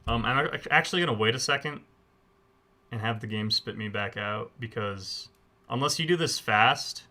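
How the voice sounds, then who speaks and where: Bright-voiced man giving gameplay tutorial. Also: mid-range voice. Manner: informal, step-by-step explaining. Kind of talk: casual gameplay tutorial commentary.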